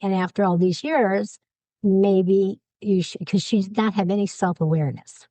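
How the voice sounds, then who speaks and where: A woman's voice: medium pitch, moderate pace, no room sound, rough recording. A woman guest telling her recovery story openly and acting out the dialogue she quotes. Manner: lively, acts out quoted dialogue. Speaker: podcast guest. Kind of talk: candid personal storytelling.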